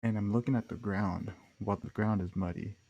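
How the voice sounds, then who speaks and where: Laid-back young man with a gravelly low voice. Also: fairly even intonation, fairly quick, dark tone, highs cut off. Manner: rambling, slangy, laid-back with frequent fillers. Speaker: podcast host. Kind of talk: casual storytelling monologue.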